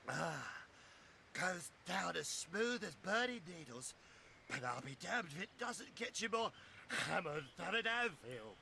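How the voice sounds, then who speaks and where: An actor playing a gruff, hard-drinking soldier in a fantasy game, with coarse, blustering speech. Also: male voice, high voice, sing-song, a little slow, sharp tone, slight background noise, full character voice. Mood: boozy bluster. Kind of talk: fantasy video game voice acting.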